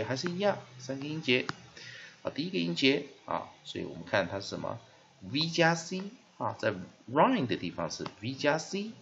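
A male teacher giving a phonics lesson, sounding out word parts slowly and repeatedly with many filler sounds. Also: medium pitch, creaky, a bit bright. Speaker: English teacher. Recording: dull lo-fi recording with faint hiss.

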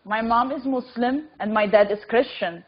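Fairly high-pitched and moderately paced, this earnest young Lebanese woman comes through a muffled call. She's an invited speaker sharing personal testimony on a webinar, speaking in plain, direct sentences and repeating phrases to stress them.

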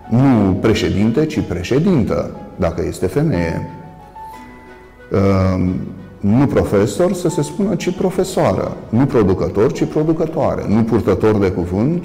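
Male TV lecturer, gravelly and mellow, deliberate with many pauses; roomy reverb. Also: medium pitch. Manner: measured, halting with frequent "uh" pauses, stressing contrasting word endings. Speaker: priest and professor hosting a TV talk. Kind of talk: solo lecture-style commentary.

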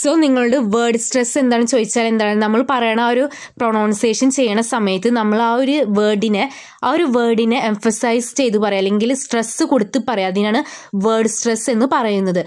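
A young woman with a Malayali accent, teaching an exam revision lesson, reading English definitions slowly and explaining them at length. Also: fairly high pitch, fairly even intonation, darkish tone.

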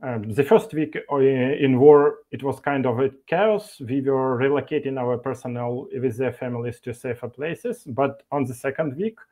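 Presenting at an online meetup over a video call, this conference speaker from an e-learning developer has a mid-range, dark-toned male voice. His delivery is halting, full of fillers and restarts.

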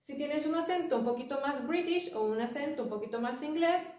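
A woman teaching an English lesson, explaining slowly and patiently. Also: high voice, darkish tone, recorded from a distance. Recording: echoey room, voice from off-mic.

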